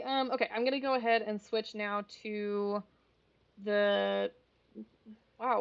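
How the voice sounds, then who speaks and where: A woman's voice: medium pitch, gravelly, darkish tone. A woman giving casual let's-play commentary, chatty and bubbly, rambling off on asides with frequent ums. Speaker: gaming video host. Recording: slightly muffled, faint game music behind.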